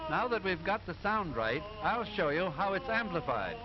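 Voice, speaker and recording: A man playing an instructive professor in an early talkie cartoon, explaining things in a deliberate, didactic manner. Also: high-pitched, very animated. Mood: patient, instructive. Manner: deliberate, didactic, clearly enunciated. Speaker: narrator explaining sound film. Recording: dull 1920s optical film soundtrack, music behind.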